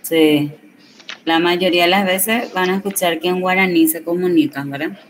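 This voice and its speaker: A Guarani teacher gives a classroom lesson, her fairly low, even voice explaining things slowly and using tag questions to check that students are following. The recording was made from a distance, with faint background noise.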